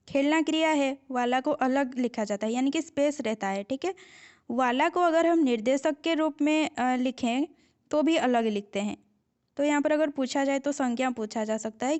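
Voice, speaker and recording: A woman's voice: sits high, a little mellow. A woman teaching a grammar lesson for exam preparation, explaining patiently and repeating key points with frequent check-ins to her students.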